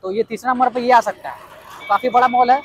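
A man's voice: extremely high pitch, steady tone, fast talker, highs cut off, a little hiss or hum. A man from Bihar, vlogging outdoors at a building site. He sounds eager and hyped and keeps repeating his main points. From Bihar, India. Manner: eager and hyped, often repeats key points with "yes indeed". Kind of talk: on-location walkaround vlog.

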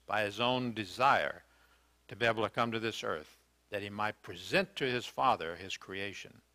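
An older American preacher gives an earnest, questioning sermon in a church sanctuary, with hesitant fillers and restarts. His voice is fairly low in pitch, with a bright, forceful tone.

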